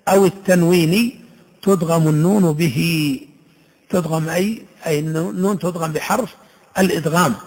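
A man teaching Quran recitation rules, explaining slowly and reciting each example word in a drawn-out way. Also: a little high, creaky, breathy edge, low-quality recording.

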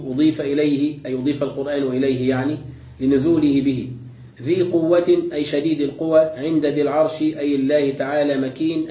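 A man's voice: fairly high pitch, warm tone. A man giving a Quran exegesis lesson, reciting each verse and then explaining it word by word. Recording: echoey room, voice distant from mic.

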